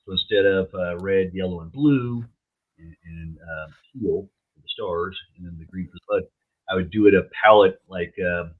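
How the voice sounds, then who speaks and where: Low-pitched laid-back stoner guy, muffled recording. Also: moderate pace. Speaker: logo artist and co-host. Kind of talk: casual chat. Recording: dull, lo-fi, muffled sound.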